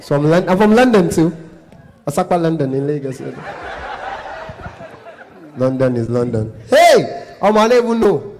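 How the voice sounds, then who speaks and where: Animated Nigerian male stand-up comedian. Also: fairly high pitch, normal speed, long pauses, slight background noise. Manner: animated, mixes Pidgin and Yoruba, bursts into loud put-on voices. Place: live comedy show venue.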